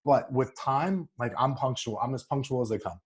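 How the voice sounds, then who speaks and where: A man hosting a podcast, asking questions in a relaxed, friendly way with frequent restarts. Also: mid-range voice, normal speed, husky. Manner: easygoing, repeats and restarts, friendly. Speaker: podcast host. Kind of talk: casual interview.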